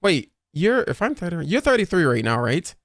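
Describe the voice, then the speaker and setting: A man of thirty co-hosting a podcast in casual chat, talking in a self-deprecating way with quick asides. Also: a little high, big pitch swings, dry recording, studio quality. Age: 30s. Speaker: podcast co-host.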